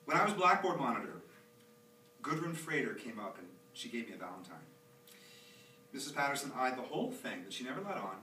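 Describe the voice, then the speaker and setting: An author performs his own theatrical monologue live, playing an anxious, chatty young dad who rambles expressively with a fond, nostalgic mood. His mid-range voice swings widely in pitch, moving a little fast with long pauses and a sharp tone. It was captured from a distance on a small theatre stage, so the sound is roomy, distant and noisy.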